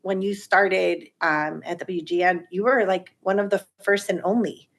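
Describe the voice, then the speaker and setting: A woman from Chicago hosting a podcast, chatting in a relaxed way over a video call with lots of "like". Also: fairly low pitch, unhurried. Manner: relaxed, leans on fillers like "like". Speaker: podcast host. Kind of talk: casual interview chat.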